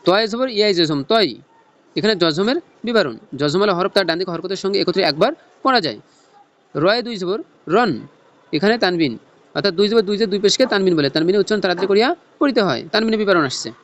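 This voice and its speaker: A man teaching Noorani Quran reading in a lesson, spelling out letters and tajweed rules in a slow teaching chant. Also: high-pitched, animated, a bit bright, lo-fi sound. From Bangladesh.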